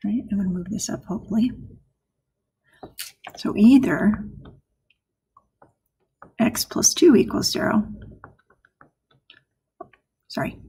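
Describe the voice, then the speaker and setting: Woman math teacher, gravelly mellow voice, unhurried step-by-step explaining. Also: medium pitch. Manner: soft-spoken, explains step by step with frequent "right?" checks. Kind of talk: recorded math lesson.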